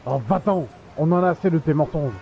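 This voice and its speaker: A man's voice: mid-range voice, animated, normal speed, over music, lightly acted. A man playing an irritated, dismissive male neighbour. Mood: annoyed. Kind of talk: audio horror drama acting.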